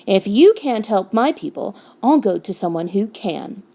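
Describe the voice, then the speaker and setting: A woman's voice: mid-range voice, expressive, moderate pace, creaky, dark tone. A woman voicing a bitter, defiant male dwarf for a storybook, cold, sneering and argumentative. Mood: defiant, angry.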